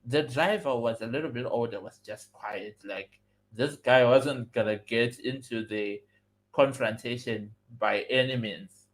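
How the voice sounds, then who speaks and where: Young man, casual storytelling host, lively, acts out the quotes, mid-range voice. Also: mid-range voice, measured pace, low-quality recording. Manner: animated, acts out quoted dialogue. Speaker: livestream storyteller.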